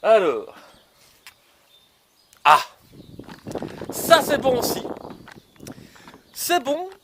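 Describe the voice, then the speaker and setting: A man's voice: very high-pitched, wildly swooping pitch, very slow, background noise. Playful man planting his vegetable garden. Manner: playful, teasing guessing games, many fillers. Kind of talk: casual gardening show for children. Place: outdoor garden.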